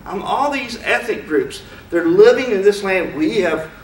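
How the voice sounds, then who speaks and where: A high-pitched male voice with lively intonation moves at a measured pace through a frank, conversational lecture, dotted with rhetorical questions for the audience. The recording comes from far off in a spacious lecture room.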